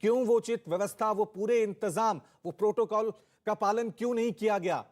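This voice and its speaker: A man's voice: high voice, a little fast, a little mellow. A male news anchor reading a bulletin and putting urgent questions to a field reporter.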